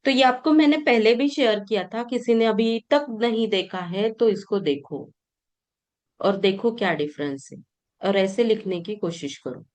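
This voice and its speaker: Slow-paced woman teacher, coaching tone. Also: medium pitch, a little mellow. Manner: keeps checking in with "okay?", repeats words slowly for pronunciation; encouraging, coaching tone. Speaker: Japanese language teacher. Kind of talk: classroom lesson to beginners.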